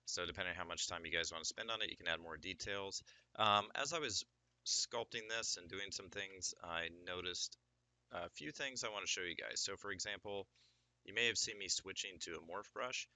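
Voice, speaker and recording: A man giving a relaxed, explanatory software sculpting tutorial with plenty of fillers, recorded at a desk microphone. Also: low voice, moderate pace. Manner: casual, explanatory, many fillers. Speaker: 3D sculpting instructor.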